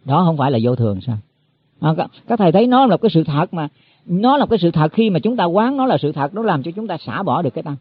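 A man delivers a Buddhist sermon in a folksy, explaining way, often stumbling over repeated words. His voice is husky and sits a little high. It comes through a tinny, phone-like, dry recording. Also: very animated, fast talker, dry recording. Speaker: Buddhist teacher.

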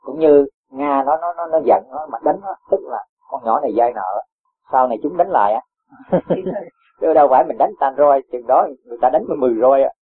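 A man, a Buddhist teacher giving a gentle dharma talk with homely examples and chuckles. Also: medium pitch, animated, a little fast, slightly rough. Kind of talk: dharma talk answering a follower. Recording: tinny phone-like lo-fi sound.

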